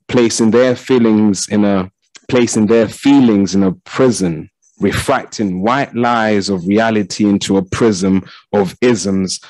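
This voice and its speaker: A man performing a spoken-word poem in a smooth, low "DJ voice", at a measured, deliberate pace. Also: darkish tone, dry recording, rough recording. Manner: slow, low "DJ voice" delivery. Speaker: panelist and spoken-word poet.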